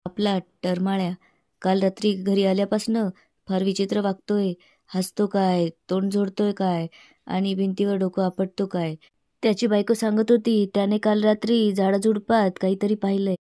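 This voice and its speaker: An older man from a village story brings urgent news in a hushed, worried way, as a woman reads his lines. The voice is mellow and low in brightness, and the delivery stays flat. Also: moderate pace, natural voice.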